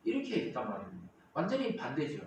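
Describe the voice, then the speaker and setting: A male pastor preaching a Sunday sermon with lively call-and-response, reading scripture aloud to the congregation and explaining it. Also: mid-range voice, quick pace, a little hiss or hum. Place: church sanctuary. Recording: roomy church hall, mic at a distance.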